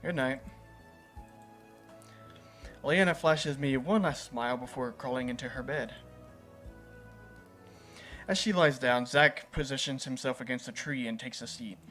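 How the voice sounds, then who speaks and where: A man's voice: medium pitch, measured pace, pauses often, fairly bright tone, faint music behind. A man reading a visual novel game aloud as a gaming host, playful and chuckling at the story.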